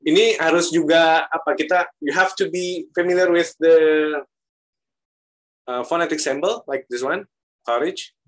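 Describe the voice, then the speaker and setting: A man's voice: on the high side, measured pace, fairly bright tone. A male university lecturer with an Indonesian accent, teaching pronunciation and repeating words aloud to model them. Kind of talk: pronunciation lesson.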